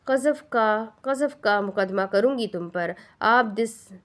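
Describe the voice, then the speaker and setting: A woman's voice: fairly high pitch, close to an everyday voice. Woman reading as a cold cutting lady barrister. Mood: icy. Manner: blunt, cutting, mixes in English phrases. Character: cold sharp-tongued female barrister, young adult.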